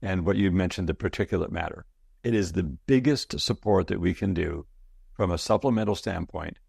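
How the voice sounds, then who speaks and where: A man in his sixties with a low, gravelly voice talks as an interview guest. He tells stories with excitement and often repeats words as he goes, all in a dry, close sound. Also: normal speed, dry recording. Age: 60s. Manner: enthusiastic, storytelling, repeats words. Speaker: guest, product founder. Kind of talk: casual interview talk.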